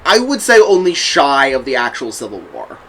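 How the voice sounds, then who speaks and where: A man's voice: medium pitch, sing-song, moderate pace, a bit bright, slight background noise, poor audio. A man co-hosting a film podcast, chatting casually and giving firm opinions, often laughing. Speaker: podcast co-host. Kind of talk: casual chat about films.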